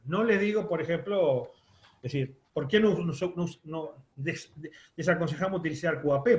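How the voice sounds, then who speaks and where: Man explaining, echoey muffled sound. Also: on the high side. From Uruguay. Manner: explanatory, many fillers and restarts. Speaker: radio course instructor. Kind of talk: online class lecture.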